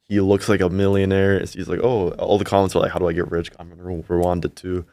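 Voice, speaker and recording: A man's voice: deep voice, level tone, fast, mellow. A man who works as a video editor, giving confident advice in casual podcast chat.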